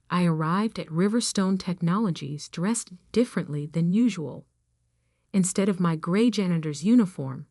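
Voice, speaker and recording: A woman with a fairly low voice reads a dramatic first-person story aloud. Her delivery is steady and even, and the recording is dry, with no room echo. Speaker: narrator.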